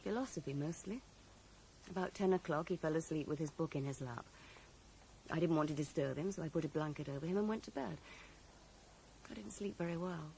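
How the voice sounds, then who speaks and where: In a noisy recording of a 1980s radio drama broadcast, an actress plays a grieving woman who is guarded and bitter, wistful in her recollection yet curt with her questioner. Her voice is low, gravelly and mellow, and she speaks fairly quickly with long pauses.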